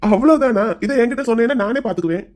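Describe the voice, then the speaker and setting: Actor as a cartoon groom, gentle, coaxing, patient, brisk pace. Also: medium pitch, natural voice. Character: gentle young groom questioning his bride. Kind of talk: Tamil cartoon voice acting.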